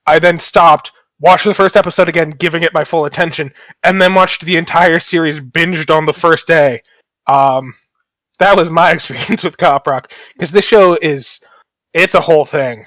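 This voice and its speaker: A young man hosting a podcast with a slightly high voice, rambling through jokes at his own expense. The sound is dry and close, with no room around it. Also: normal speed, a bit bright, no room sound. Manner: joking, rambling, self-deprecating. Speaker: podcast host. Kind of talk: casual podcast banter.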